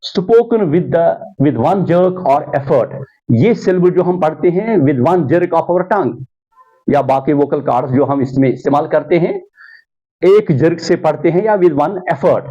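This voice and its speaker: Male English tutor, slightly high voice, unhurried classroom delivery, lo-fi recording. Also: lively intonation, dark tone. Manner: slow, deliberate, drawing out example words; mixes Hindi-Urdu explanation with English examples. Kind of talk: classroom lesson on pronunciation. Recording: dull, lo-fi sound.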